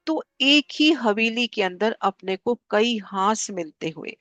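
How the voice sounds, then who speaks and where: A woman teaching a spiritual class, calmly guiding listeners through maps and repeating key figures so they stick. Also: fairly high pitch, takes it slowly, no room sound, highs cut off. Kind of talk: devotional lesson explaining maps.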